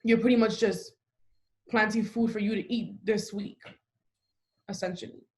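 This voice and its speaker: A woman's voice: medium pitch, fairly even intonation, normal speed. Young woman chatting with emphatic fillers. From Dominican Republic. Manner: talkative, frequent "like" fillers, emphatic. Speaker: podcast host. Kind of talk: casual podcast chat.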